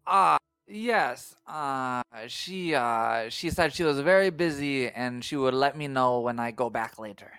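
A man playing a tabletop game, polite and halting, with many fillers. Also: mid-range voice, animated, bright, forceful tone, clear, resonant tone, dry recording, studio quality. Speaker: player. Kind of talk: casual tabletop game chat.

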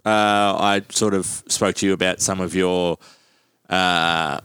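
A man's voice: deep voice, steady tone, slow pace, fairly bright tone, clear, resonant tone, dry recording. A man in his thirties hosting a casual podcast, chatty and rambling with many ums. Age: 30s. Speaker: podcast host.

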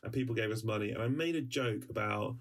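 A man's voice: fairly low pitch, fast talker, distant mic. A man co-hosting a podcast, telling a personal story in a rambling, hesitant way with many restarts. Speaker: podcast co-host; journalist. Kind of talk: casual conversational storytelling.

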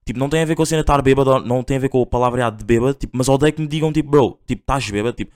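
This young podcast host, who has a European Portuguese accent, races through a casual story, restarting often and leaning on fillers and slang as he rambles. His medium-pitched voice is clear, resonant and a little mellow.

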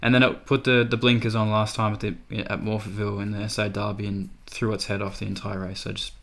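A man's voice: on the low side, level tone, quick pace, gravelly, fairly bright tone. An Australian man chatting casually through horse racing form as a tipster, in a tentative, hedging way. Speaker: racing tipster, podcast co-host. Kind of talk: casual racing analysis chat.

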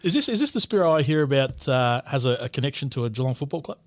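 A man's voice: mid-range voice, very animated, fast. A man with an Australian accent chatting and asking questions casually as a panellist on a sports show.

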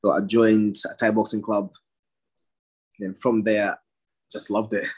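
A man's voice: on the low side, level tone, unhurried, darkish tone, husky. A young man from Somalia, a professional boxer, giving short plain answers in a casual interview and laughing often.

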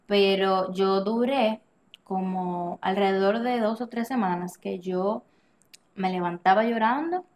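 An animated woman speaking as a podcast guest, recounting a personal experience in a relaxed, conversational way. She tends to act out the lines she quotes, and she often restarts her sentences mid-thought. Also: medium pitch, measured pace, slight background noise. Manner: animated, acts out quoted dialogue, frequent restarts and laughs. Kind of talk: personal storytelling in casual conversation.

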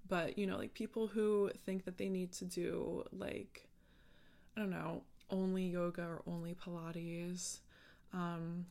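A woman's voice: lowish voice, vocal fry. A woman podcast host chatting casually on her own in a rambling way, often interrupting herself and leaning on filler words. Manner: rambling, self-interrupting, filler-heavy speech. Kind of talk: casual solo podcast chat.

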